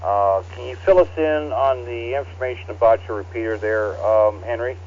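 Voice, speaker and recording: A man's voice: medium pitch, a little hiss or hum. Man running a ham radio net over the air. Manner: relaxed, halting, reads call signs with many fillers. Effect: heard over a ham radio transceiver. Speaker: net control operator of an amateur radio net. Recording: dull, lo-fi radio audio.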